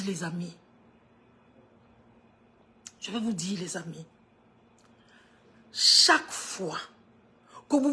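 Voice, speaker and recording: A woman in her fifties from Cameroon, with a Cameroonian French accent, giving an earnest motivational talk on a live stream. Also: mid-range voice. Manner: earnest, swings from hushed to emphatic.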